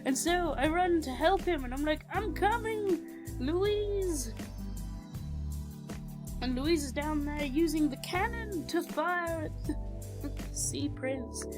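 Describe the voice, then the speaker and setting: A woman casually narrating her animated tabletop game story, rambling and self-mocking, on a cheap home mic. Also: high voice, moderate pace. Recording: background music under the voice.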